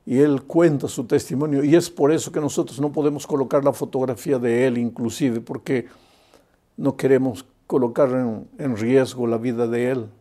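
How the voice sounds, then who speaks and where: A man preaching an evangelistic sermon, who swings between loud emphatic appeals and hushed storytelling. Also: mid-range voice, fairly even intonation, moderate pace.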